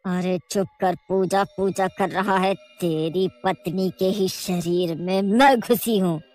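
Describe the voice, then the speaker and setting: A woman voicing an evil, blood-drinking female witch spirit who cackles and gloats in a low, menacing voice. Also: fairly even intonation, takes it slowly, darkish tone, soft background music, natural voice.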